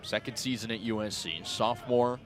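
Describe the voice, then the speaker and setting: Against a noisy background, a young man gives live radio play-by-play of a baseball game in a lowish voice at moderate speed. His delivery is short and descriptive, and he gets more excited as plays develop.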